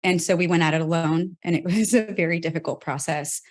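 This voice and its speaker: A woman with a notably low voice tells her own story in an interview. She is earnest and candid, and pauses and restarts as she works through hard memories. She is a company co-founder from South Texas. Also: steady tone. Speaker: healthtech company co-founder, guest.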